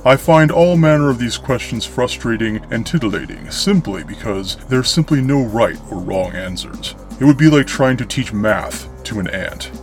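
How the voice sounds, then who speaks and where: A man's voice: medium pitch, animated, normal speed, few pauses. A man narrating eerie horror tales as a show host, in a grandiose, florid, theatrical storyteller manner. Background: music.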